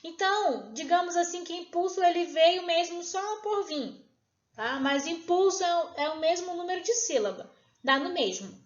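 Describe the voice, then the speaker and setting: A woman teacher talks through a recorded lesson in a high, clear voice. She is patient and keeps checking in with her pupils, and she stretches out each syllable as she sounds it. The room rings with echo, and the sound is a little dull and lo-fi. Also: lively intonation. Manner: patient, checks in with tag questions, slows down on syllables.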